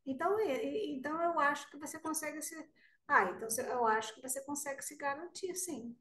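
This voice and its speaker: A Brazilian woman with a Brazilian Portuguese accent is a guest teacher in a live online class, answering student questions in a friendly, direct way. Her voice is high-pitched, pushed, and bright, and she speaks fairly quickly. The mic sounds roomy and distant.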